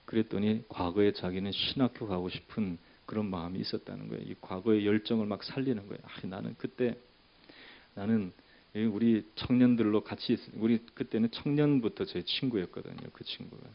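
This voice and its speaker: A man preaching a sermon as pastor, shifting from a chatty storytelling tone to loud, emphatic declarations. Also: lowish voice, steady tone, brisk, vocal fry, highs cut off.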